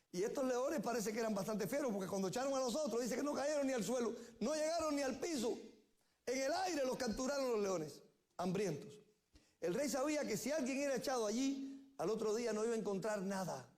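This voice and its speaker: A man's voice: very high-pitched, expressive, a little fast, darkish tone. A male pastor preaching a sermon, telling the story with repeated key phrases. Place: church.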